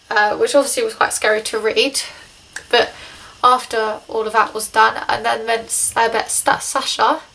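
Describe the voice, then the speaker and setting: A woman's voice: fairly high pitch, vocal fry, fairly bright tone, rough recording. A young woman talking hesitantly in a casual video diary, short of breath and congested just after nose surgery. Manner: hesitant, rambling.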